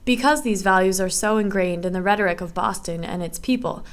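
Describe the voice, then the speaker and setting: A young woman in her early twenties reads a written essay aloud. Her delivery is measured and earnest, steady from one sentence to the next, with a middle-pitched voice. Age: young adult. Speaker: student narrator. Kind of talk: read essay narration.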